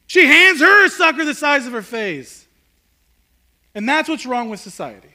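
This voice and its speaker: A man preaching a sermon. His voice is high and bright, and his delivery is conversational and animated. He drops to near-hushed lines for emphasis. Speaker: pastor. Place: church hall with congregation.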